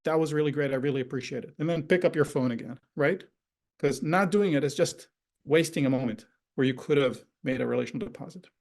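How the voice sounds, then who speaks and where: A parenting educator whose first language is Hebrew speaks in a slightly high, a little mellow voice. He gives a conversational online workshop talk over a video call, often checking in with "right?".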